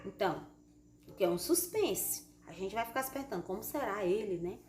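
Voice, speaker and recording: A Brazilian primary school teacher giving a recorded lesson, explaining patiently and reading example sentences with strong expressive intonation. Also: female voice, medium pitch, brisk. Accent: Brazilian Portuguese. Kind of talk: recorded remote class lesson. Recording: echoey room with faint background noise.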